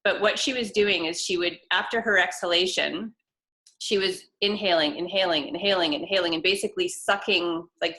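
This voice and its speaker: A woman's voice: fairly low pitch, bright, forceful tone, low-quality recording. A woman co-hosting a casual video call, telling a long story with many restarts. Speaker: co-host, fitness trainer.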